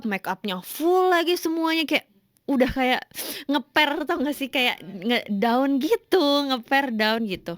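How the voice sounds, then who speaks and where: A young woman telling a personal story on radio in a casual, animated way, often laughing. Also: high voice, no echo. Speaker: guest. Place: radio studio.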